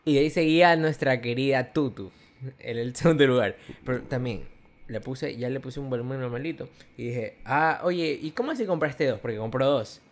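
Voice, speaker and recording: A young man with an Ecuadorian accent, co-hosting a podcast and telling a story in casual chat, animated and quick to laugh. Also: mid-range voice. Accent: Ecuadorian Spanish. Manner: animated, laughs often, acts out quoted voices. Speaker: podcast co-host.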